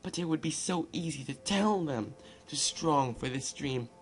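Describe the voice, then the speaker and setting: Speaking unhurriedly in a fairly high voice, a man provides casual game commentary and reads text aloud like an amateur. His informal delivery includes stumbles and ad-libs. Guitar and piano music accompanies him.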